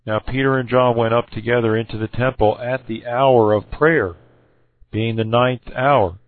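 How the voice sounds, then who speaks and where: A man laying out a Bible interpretation to someone he disagrees with, halting and correcting himself, with many fillers, and losing his voice. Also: mid-range voice, fairly even intonation, no room sound, narrow, tinny audio. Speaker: Bible debater. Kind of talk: recorded argument addressed to another person.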